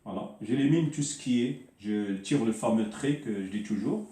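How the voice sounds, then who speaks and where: A man giving an informal Arabic writing lesson, hesitating and repeating words as he spells out sounds slowly. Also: lowish voice, dark tone, echoey room, recorded from a distance. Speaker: Arabic teacher. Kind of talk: informal spoken lesson at a board.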